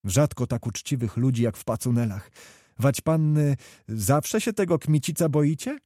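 Wołodyjowski, a man doing a brisk colonel. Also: medium pitch, expressive, mellow, dry recording, studio quality, close to an everyday voice. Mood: calm. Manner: clipped, commanding. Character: brisk male cavalry colonel, calm soldier.

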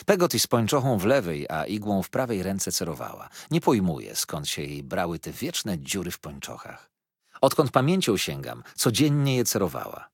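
A man narrates an audiobook in an expressive reading, with a lowish voice that rises and falls widely. The tone is slightly husky, and it is recorded close and dry with no room sound. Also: moderate pace, dry recording.

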